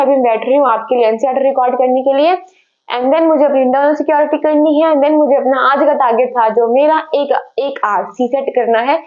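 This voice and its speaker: A young woman vlogging from her room, talking casually to her viewers and slipping English phrases into her talk, often correcting herself. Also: sits high. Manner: chatty, mixes English phrases into Hindi, self-correcting. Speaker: study vlogger preparing for a civil service exam. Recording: slightly dull lo-fi sound.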